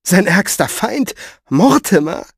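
A pushy, stout middle-aged woman barges in with a high, shrill voice and no pause for breath, as a male reader puts her on. She fires one question after another with wildly swinging pitch. The reading sounds dry and close, an audiobook character. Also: big pitch swings, dry recording. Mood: indignant.

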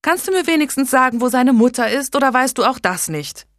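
A woman reading an audiobook voices a gruff, grieving older man who scolds with sarcasm. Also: mid-range voice, brisk, dry recording, studio quality, lightly acted. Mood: sarcastic.

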